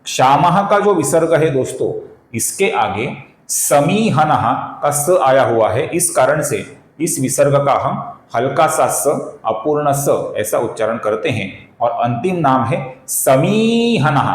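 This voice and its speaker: A man teaching the correct pronunciation of a Sanskrit verse in a slow, careful recitation lesson, breaking words down syllable by syllable and chanting the lines, often calling his listeners friends. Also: mid-range voice, animated, roomy sound. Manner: addresses viewers as friends.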